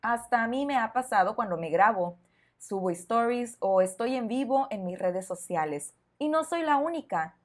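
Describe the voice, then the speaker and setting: A woman hosting a podcast lesson for learners, speaking clearly and encouragingly to the listener. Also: fairly high pitch, lively intonation, moderate pace. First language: Spanish. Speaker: Spanish teacher, podcast host.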